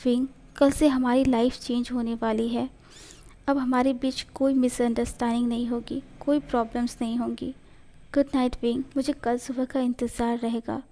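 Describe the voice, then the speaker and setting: A woman's voice: on the high side, flat delivery, normal speed, dark tone, natural voice. A woman voicing an earnest young husband who pleads, in a fan fiction read aloud. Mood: tender. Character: young man, remorseful then desperate husband.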